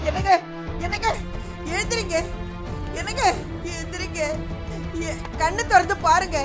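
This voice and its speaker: Frantic middle-aged wife, very high voice, sobbing pleas, serial drama music underneath. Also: female voice, unhurried. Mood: pleading, sobbing. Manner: sobbing, pleading, repeating calls. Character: panicked middle-aged wife pleading with her fainted husband.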